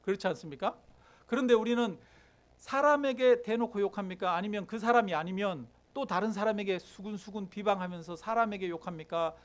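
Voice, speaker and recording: A man's voice: sits high, fairly quick. A middle-aged man preaching a sermon as pastor, questioning the congregation and acting out heated prayers. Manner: asks the congregation questions, acts out angry prayers.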